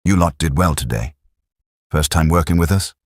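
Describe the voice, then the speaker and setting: A man's voice: very deep voice, animated, normal speed, no room sound, clean studio sound. A man voicing a cheeky young British soldier who talks in a breezy, teasing way.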